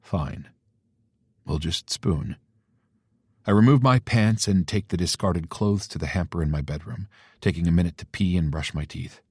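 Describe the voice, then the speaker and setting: A man narrating a romance novel in first person, with a low, intimate reading manner. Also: brisk, breathy edge, no echo, clean studio sound. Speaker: audiobook narrator.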